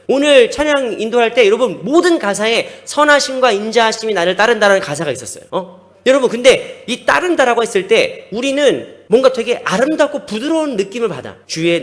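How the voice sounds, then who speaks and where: Lively high-voiced man preaching. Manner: emphatic preaching with rhetorical questions to the congregation. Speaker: pastor. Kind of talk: sermon. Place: church sanctuary.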